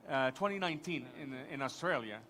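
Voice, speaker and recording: Brisk and animated, a Quebec man's medium-pitched voice sounds pushed and bright over slight background noise. He's a native French speaker with a French-Canadian accent, rambling enthusiastically as a live conference panelist and restarting frequently.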